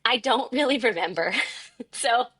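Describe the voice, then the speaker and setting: A woman's voice: on the high side, animated, unhurried, fairly bright tone, slightly rough. A woman co-hosting a podcast in casual chat, talking from inside a closet at home and laughing often. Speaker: podcast co-host.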